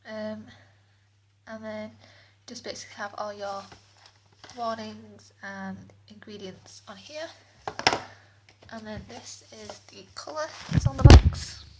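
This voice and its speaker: A woman's voice: medium pitch, fairly even intonation, slow pace, long pauses, heavy background noise. Give me a chatty woman with bathroom echo. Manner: chatty, rambling. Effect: room echo off bathroom walls. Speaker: beauty vlogger. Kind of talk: casual product review. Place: small echoey bathroom.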